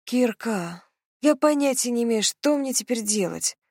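A woman's voice: fairly high pitch, normal speed, a little mellow, no echo, clean studio sound, voice pushed up, natural voice. A woman voicing a young, anxious bride-to-be in an audiobook, speaking in a raised, flustered voice. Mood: worried.

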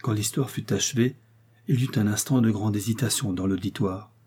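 A man reading a classic story aloud as an audiobook, measured and storytelling. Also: lowish voice, a little mellow, breathy edge. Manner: measured storytelling, voicing characters. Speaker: audiobook reader. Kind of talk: literary audiobook narration.

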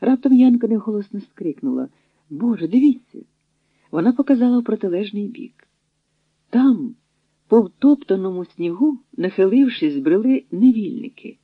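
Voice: medium pitch, animated, moderate pace, no echo. Narrator reading over a tinny line. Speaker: audiobook narrator. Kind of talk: dramatic audiobook narration. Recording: dry, tinny phone-like audio.

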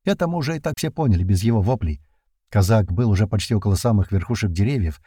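A man narrating an adventure audiobook in the first person, in a steady storytelling manner. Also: fairly low pitch, quick pace, breathy edge, no echo, clean studio sound.

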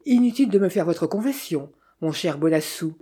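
A woman's voice: fairly low pitch, animated, normal speed, warm tone, breathy edge. A woman reading the lines of a mocking, good-humored male detective in an audiobook, with a wry, teasing manner.

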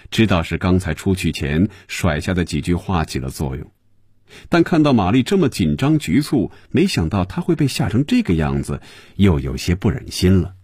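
A man narrating a novel in an expressive storytelling manner. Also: sits low, breathy edge, no echo, studio quality. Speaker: audiobook narrator.

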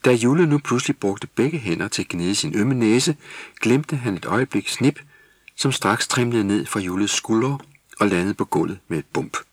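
Husky low-voiced man reading a Christmas story. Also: lively intonation, no echo, studio quality. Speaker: narrator. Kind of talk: scripted storybook narration.

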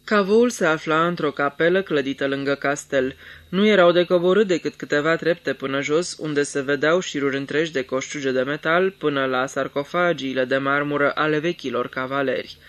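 A man narrating a detective story in a measured storytelling voice. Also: fairly high pitch, a bit bright. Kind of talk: dramatic reading of a detective story.

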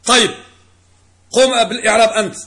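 High, sharp-voiced male grammar teacher. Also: fairly even intonation, brisk. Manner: quizzes students and repeats key phrases. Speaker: religious teacher. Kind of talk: classroom grammar lesson.

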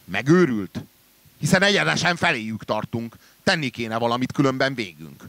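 A man's voice: medium pitch, expressive, bright, forceful tone, no echo. A man voicing a seasoned, matter-of-fact male travel companion in a read-aloud story. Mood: alarmed.

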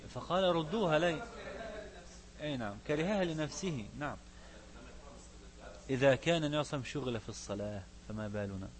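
A man's voice: a little high, fast talker, pauses often. A man with an Egyptian accent teaching a religious lesson, shifting between classical recitation and colloquial asides and putting questions to his students. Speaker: sheikh teaching a fiqh book.

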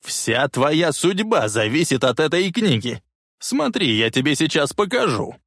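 A man voicing a wheezing, cranky old man who talks in a bossy, insistent way and turns shrill when angry. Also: sing-song, unhurried, fairly bright tone, breathy edge, no room sound, studio quality, full character voice. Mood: furious.

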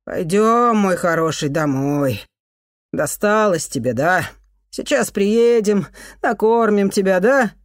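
A reader voicing an older, blunt working man in an audiobook, gruff with strangers and coaxing with his brother. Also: medium pitch, expressive, slow pace, dry recording, studio quality, voice pushed up.

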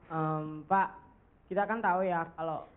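A man's voice: on the high side, fairly even intonation, unhurried. A young man from the congregation hesitantly asking the pastor a question. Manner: hesitant, searching for words. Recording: tinny lo-fi recording.

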